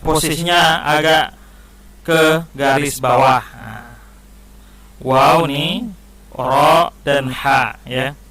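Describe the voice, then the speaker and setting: Male schoolteacher, patient, addressing children, plain middle pitch, explanatory. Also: drawn-out words, long pauses, a bit bright, low-quality recording. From Indonesia. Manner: patient, explains step by step with frequent "ya". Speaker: Islamic studies teacher. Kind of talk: classroom lesson for children.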